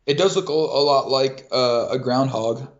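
Over muffled, lo-fi audio, a Kentucky man co-hosting a laid-back podcast talks at a normal speed in a medium-pitched voice. He rambles, starting over often and filling gaps with fillers.

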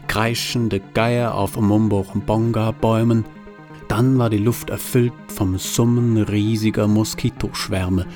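A man reading a novel aloud in a dry, deadpan storytelling manner. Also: fairly low pitch. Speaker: narrator. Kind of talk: audiobook reading.

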